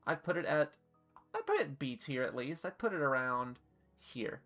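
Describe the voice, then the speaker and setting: A woman's voice: deep voice, big pitch swings, moderate pace, a bit bright, faint music behind. A woman live-streaming, chatting casually and swearing freely while she ranks costumes, hiccuping and a little flustered.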